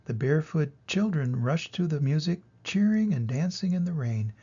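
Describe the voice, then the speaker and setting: An older man with a grandfatherly manner reads a children's storybook aloud expressively, in a gravelly, husky voice. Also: fairly high pitch, animated, normal speed, mellow, highs cut off. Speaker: storybook reader.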